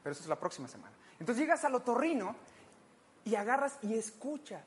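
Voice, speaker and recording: Lively Mexican woman preaching playfully. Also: on the high side, quick pace. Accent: Mexican Spanish. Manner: playful, jokey, acts out little scenes. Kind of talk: conversational sermon.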